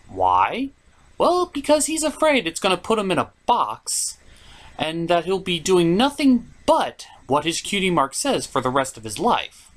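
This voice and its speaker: With heavily acted delivery at a medium pitch, a performer brings a theatrical puppet gentleman to life as he reviews a cartoon from a script, pausing dramatically and feigning outrage.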